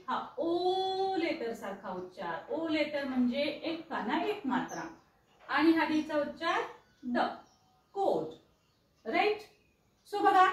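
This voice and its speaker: A woman's voice: extremely high pitch, fairly bright tone. A woman teaching English pronunciation, explaining patiently, repeating key words and asking the viewer questions. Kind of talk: explaining spelling and pronunciation to learners. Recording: echoey room, voice from a distance.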